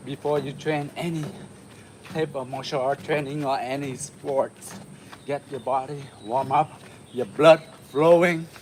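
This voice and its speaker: A man from Vietnam hosting a martial arts livestream, chatting casually with viewers while he warms up, with lots of uh fillers. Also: medium pitch, measured pace, a little hiss or hum. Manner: relaxed, chatty, many uh fillers, laughs often. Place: home in the city.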